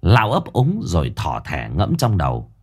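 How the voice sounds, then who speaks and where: A man narrating a ghost story in an expressive, lively way. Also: low-pitched, moderate pace, breathy edge, soft background music.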